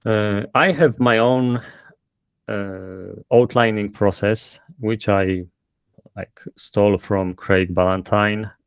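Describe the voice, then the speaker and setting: A self-published author with a thick Polish accent explains his methods in a casual interview, hesitating often and using many fillers. His low, creaky, smooth voice moves slowly with fairly even intonation, and there's no room sound.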